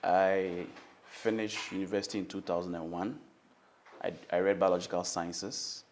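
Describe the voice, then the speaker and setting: A man in his forties, a former pastor, recounting his career in a measured interview testimony. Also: low voice, steady tone, a little hiss or hum. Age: 40s. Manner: measured, recounting dates and postings.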